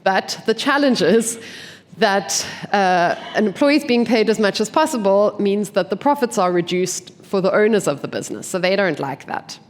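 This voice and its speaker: Despite a cold that leaves her stuffed up, a woman from an investment team presents expressively at a conference, her medium-pitched voice at a moderate pace. She lays things out clearly by asking questions and then answering them, her words trailing in long hall reverb.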